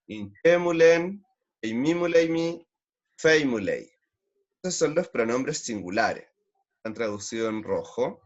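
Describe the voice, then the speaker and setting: A man's voice: medium pitch, muffled recording. Chilean man patiently teaching pronunciation. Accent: Chilean Spanish. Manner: patient, slowly demonstrates sounds, repeats syllables. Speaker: language teacher. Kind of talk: online language class.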